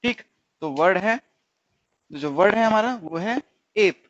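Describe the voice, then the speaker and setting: A man teaching a stenography lesson, asking his students questions and answering them himself, repeating each sound slowly. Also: high voice, lively intonation, no room sound, lo-fi sound. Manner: slips into English definitions. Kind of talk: recorded shorthand lesson.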